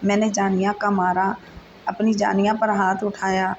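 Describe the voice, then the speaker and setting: A woman's voice: medium pitch, flat delivery, dull audio, slight background noise, close to an everyday voice. A woman reading the lines of an anguished young husband, pleading and blaming himself after a temper outburst. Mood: remorseful. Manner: pleading, self-reproaching.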